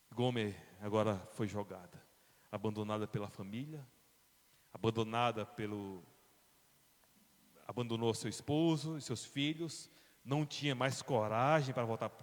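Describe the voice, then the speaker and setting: A man with a Brazilian accent, a pastor telling a Bible story in a sermon, dramatic, moving from quiet to loud. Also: fairly low pitch, unhurried, pauses often. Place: church. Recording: long church reverb.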